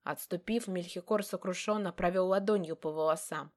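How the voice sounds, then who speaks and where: Женщина читает роман от первого лица. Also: female voice, fairly low pitch. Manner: measured, expressive reading. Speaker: audiobook narrator. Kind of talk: first-person fantasy novel narration.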